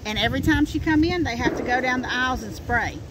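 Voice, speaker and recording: Speaking quickly in a fairly high voice, a middle-aged woman with an Appalachian accent co-hosts an outdoor chat, telling folksy stories and repeating phrases to drive them home. She's in a wooded yard, recorded by a camera a few feet away, and ambient noise is audible.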